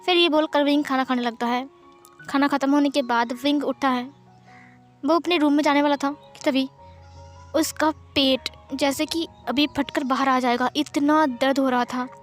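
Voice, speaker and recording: A woman narrates a fan fiction story in a plain, steady way. Her voice is high and bright. Faint music plays under her. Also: normal speed. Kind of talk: reading fan fiction aloud.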